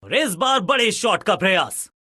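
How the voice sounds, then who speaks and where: A man giving excited cricket commentary as a commentator, with dramatic, flowery exclamations. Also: high voice, normal speed, slight background noise.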